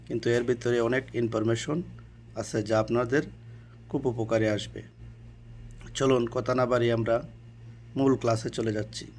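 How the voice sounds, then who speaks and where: A man's voice: mid-range voice, darkish tone, a little hiss or hum. A man teaching an English lesson, who repeats key terms and asks questions and then answers them himself. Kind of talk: classroom lesson explaining to students.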